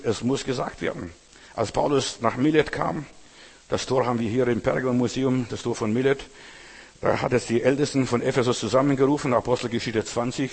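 A man preaches with insistent emphasis, hammering home his points through repetition and asking his listeners direct questions. His voice is husky and mid-pitched. The sound rings with the long reverb of a large hall. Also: a little mellow. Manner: emphatic, repeats phrases for stress. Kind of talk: sermon.

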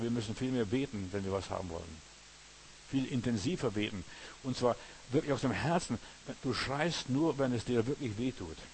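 A man's voice: medium pitch, slight background noise, rough recording. A man preaching a sermon with passion, quoting scripture by book and verse and speaking straight to his listeners. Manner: impassioned, quotes scripture with book and verse, addresses listeners directly.

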